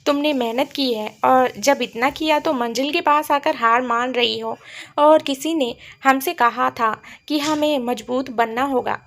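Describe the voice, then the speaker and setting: A woman narrating a romantic love story, reading every character's lines in her own voice and slowing softly at tender moments. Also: high voice. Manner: reads all the characters' lines in her own voice, slow and soft at tender apologies.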